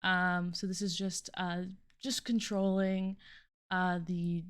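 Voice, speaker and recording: A woman's voice: fairly low pitch, flat delivery, smooth. Hesitant young woman walking through code. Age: young adult. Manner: hesitant, halting, thinking aloud, trailing off. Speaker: student presenting a programming project. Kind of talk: informal screen-recorded code walkthrough.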